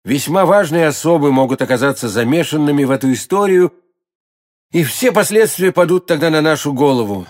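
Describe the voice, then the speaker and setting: A man's voice: on the high side, lively intonation, fairly quick, a little mellow, natural voice. A man voicing a young guardsman hero, earnest and urgent, in a raised voice. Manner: urgent, emphatic.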